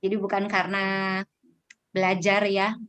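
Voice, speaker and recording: A woman's voice: medium pitch, completely flat delivery, unhurried, fairly bright tone, smooth, rough recording. A woman who heads a vocational academy, explaining things on a webinar panel in a chatty way, with many fillers and restarts.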